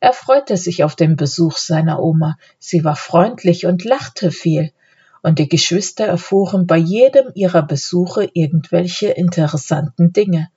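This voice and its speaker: A woman narrating a children's audiobook, gentle storytelling. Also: on the low side, unhurried, slightly rough, dull audio.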